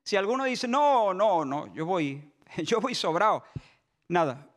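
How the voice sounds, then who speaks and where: A man from Spain, preaching a sermon in a church, impassioned, shifting between shouts and soft asides. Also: sits high, very animated, measured pace. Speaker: pastor.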